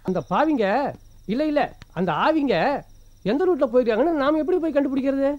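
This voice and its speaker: An actor playing a scheming, flirtatious constable in a comedy film. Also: male voice, extremely high pitch, animated, a little fast, noisy background. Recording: dry, dull film audio.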